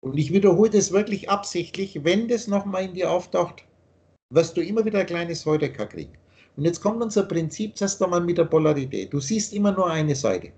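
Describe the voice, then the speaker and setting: A man's voice: high-pitched, lively intonation, fairly quick, a little mellow. A man explaining his teaching in a long, earnest monologue, often repeating himself, over a video call. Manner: repetitive, earnest, lecturing.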